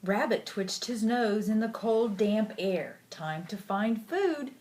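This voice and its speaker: A sweet old lady, a grandmother, reading a picture book aloud gently and affectionately, with asides to a child. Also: medium pitch, lively intonation, slow pace. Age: older. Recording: clearly noisy home recording.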